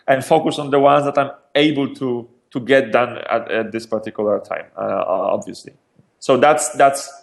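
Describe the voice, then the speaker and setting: This mid-range male voice belongs to a startup founder from Poland, a native Polish speaker, who answers an interviewer with energetic liveliness while often restarting and repeating words.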